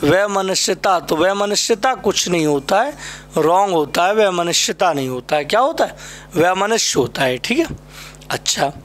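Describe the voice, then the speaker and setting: A man's voice: high-pitched, animated, normal speed, a bit bright. A man teaching an exam-prep spelling class, repeating each word and quizzing his students. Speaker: Hindi teacher.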